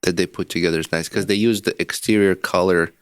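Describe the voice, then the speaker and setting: A man's voice: sits low, fairly even intonation, quick pace, smooth, no room sound. A man co-hosting a casual podcast, telling a long story with profanity and frequent laughs. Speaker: podcast co-host.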